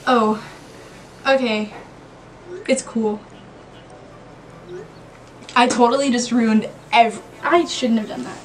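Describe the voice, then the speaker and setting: A woman's voice: on the high side, low-quality recording. A woman vlogging to camera in a nervous, rambling way. She talks to herself and repeats her words. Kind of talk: casual vlog to camera.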